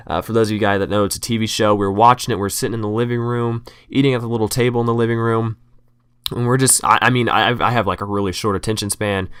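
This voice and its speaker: A man's voice: fairly low pitch, a bit bright, clear, resonant tone, dry recording, clean studio sound. A young man vlogging, telling a story in casual, profane commentary and acting out his own panic.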